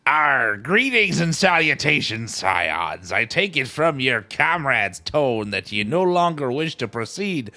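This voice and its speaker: A man's voice: medium pitch, sing-song, takes it slowly, hardly any pauses, sharp tone, pitched above the performer's own voice, exaggerated voice. A man voicing a young male scholar, formal and pompous, with stiff old-fashioned phrasing while reading game dialogue aloud. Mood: haughty.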